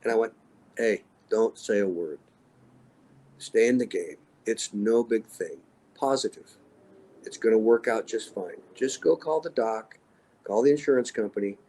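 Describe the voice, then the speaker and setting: A man's voice: lowish voice, measured pace, dark tone, rough recording. Emphatic older man in his sixties. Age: 60s. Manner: emphatic short punchy declarations. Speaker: interview guest, extreme athlete. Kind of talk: motivational storytelling.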